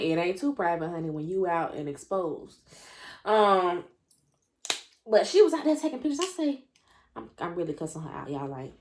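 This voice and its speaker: A woman's voice: on the low side, a little hiss or hum. A young woman tells a story to her viewers while she eats. She is sassy and talkative and says y'all and honey. Her words come between bites, with her mouth still full. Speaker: mukbang vlogger. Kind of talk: casual story time while eating.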